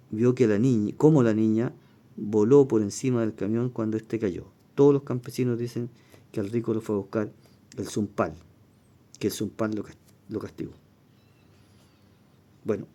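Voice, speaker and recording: A man's voice: fairly low pitch, warm tone. A man, teaching a language exam review lesson, reading passages aloud and explaining spelling rules step by step.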